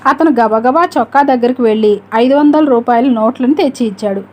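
A woman narrating an audiobook story in a steady, measured reading voice. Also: fairly high pitch.

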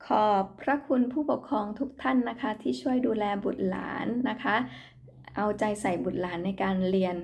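A woman teaching English numbers to young children in a recorded online lesson, speaking English with a Thai accent. She talks slowly and patiently, repeating each word and spelling it out letter by letter. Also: mid-range voice, a little mellow. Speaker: primary school English teacher.

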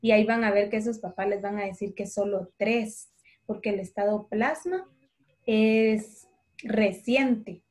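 A woman teaching a primary class over a video call, patient and affectionate, dictating words slowly and clearly. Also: mid-range voice, darkish tone.

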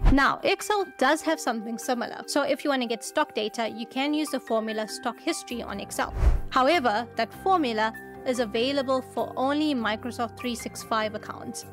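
A woman in her thirties hosting a scripted tech explainer to camera, confident and emphatic, recorded in a home studio. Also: a little high. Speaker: spreadsheet educator and video host. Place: home studio with shelves behind. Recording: background music under voice.

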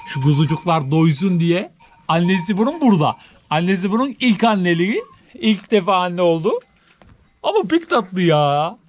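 A man's voice: very animated, normal speed. Man cooing at newborn goats. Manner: coos and baby-talks at animals, rising high and loud; drops to soft, low chatter when explaining. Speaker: village vlogger tending goats. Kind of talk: casual chat to camera while doing farm chores. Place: outdoors at a snowy farm barn.

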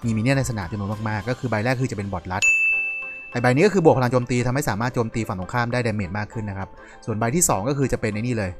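A young man casually commentating his card game on a live stream, chatty and quick, greeting viewers by name and apologizing often. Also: mid-range voice. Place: home room at night.

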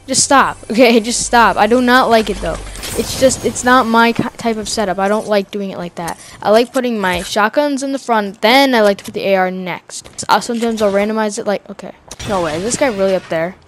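A woman talking casually over her own gameplay, excitable and slangy, yelling and laughing at the game. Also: mid-range voice, fairly quick, a little hiss or hum. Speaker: gamer streaming gameplay.

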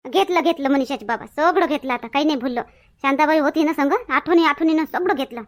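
A woman's voice: high voice, quick pace. A woman acting in a village comedy skit, talking in a scolding, chatty way. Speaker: comedy sketch actor.

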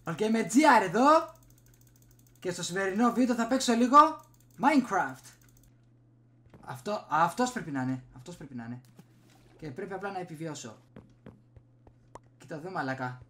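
Muttering to himself while he plays, a young man from Greece gives casual gameplay commentary as a video host. His voice sits high and is animated and a bit bright, with frequent pauses. He records in a small home room using a desktop USB mic.

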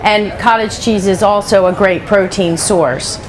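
A woman's voice: mid-range voice, steady tone, unhurried, background noise. Chatty woman chef on a headset. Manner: chatty, practical, many "you know" asides. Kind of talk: live cooking demonstration. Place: stage at a large indoor trade show.

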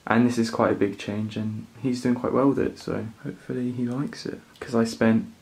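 A young man casually narrating a DIY build in a relaxed, rambling way, recorded on a camera mic in a living room. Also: mid-range voice, normal speed, rough recording. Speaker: vlogger.

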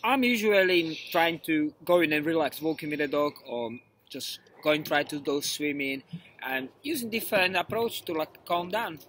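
An adult speaker at a mid pitch, explaining things earnestly as a guest in a casual video. The phrasing is slightly broken, with faint noise under the voice. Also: lively intonation, moderate pace, fairly bright tone, rough recording. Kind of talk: casual chat.

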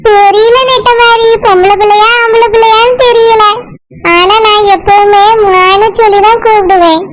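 A woman with a Kanyakumari Tamil accent voicing a gentle pregnant young village woman who speaks softly and tenderly. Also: very high-pitched, fairly even intonation, normal speed. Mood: chatty. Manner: soft, tender, cooing. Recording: loud background noise.

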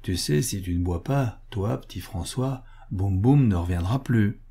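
A big, kindly circus clown speaks slowly and tenderly in a low voice. A man narrating a storybook does him with a mellow, slightly husky tone and unhurried phrasing. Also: full character voice. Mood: coaxing. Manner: soft, slow and gentle.

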